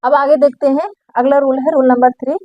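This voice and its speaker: A woman's voice: sits high, steady tone, a little fast, no echo. A woman explaining pronunciation rules in a lesson, patient and repetitive, asking questions and then answering them herself. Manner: patient, repeats key points, asks and answers her own questions. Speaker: English pronunciation teacher. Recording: dry, muffled lo-fi recording.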